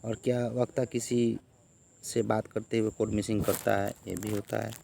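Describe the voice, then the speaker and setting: A man walking students through a textbook unit in a gravelly voice, punctuating every point with "theek hai." He acts out the sample sentences, and a faint hiss sits under the recording. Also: fairly low pitch, little pitch movement, moderate pace, dark tone. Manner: repeats "theek hai" as a tic, acts out quoted lines. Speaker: tutor. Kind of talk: exam-prep lesson walkthrough.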